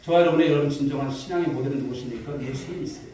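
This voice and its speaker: A man's voice: medium pitch, racing, dark tone, a little hiss or hum. A male pastor preaching a sermon to his congregation, asking questions and telling stories. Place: large church sanctuary. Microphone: distant mic in a reverberant hall. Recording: very echoey hall, voice from far off.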